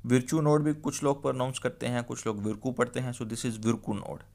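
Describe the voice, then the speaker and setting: A man's voice: medium pitch, fairly even intonation, normal speed, creaky, a little mellow. A man giving a medical exam-prep lecture. He repeats key terms and keeps checking in with the listener. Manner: explanatory, repeats key terms, frequent "theek hai". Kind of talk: exam-prep lecture mixing Hindi-Urdu and English.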